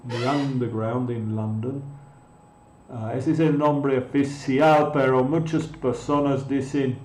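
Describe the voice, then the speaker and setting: Slow, patient male teacher in echoey room. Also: medium pitch, fairly even intonation, darkish tone, slight background noise. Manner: patient, repeats words, answers chat viewers. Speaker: English teacher. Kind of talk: live-streamed language lesson. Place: room in Mexico.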